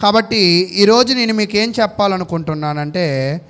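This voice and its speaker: A man's voice: high-pitched, normal speed, a bit bright, clear, resonant tone. A man preaching a sermon. He reads out Bible verses, asks questions and then answers them himself.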